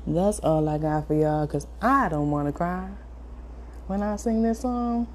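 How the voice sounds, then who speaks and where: A woman hosting her own podcast, talking casually in a quick, soft-spoken, low-key way while grieving and holding back tears. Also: a little hiss or hum. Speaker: podcast host.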